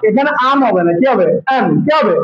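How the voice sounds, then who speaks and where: A man's voice: high-pitched, animated, moderate pace, lo-fi sound, crowd noise. A man teaching an English grammar lesson to a class, repeating each example and asking students to say it back with him. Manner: drills students with repeated call-and-response questions.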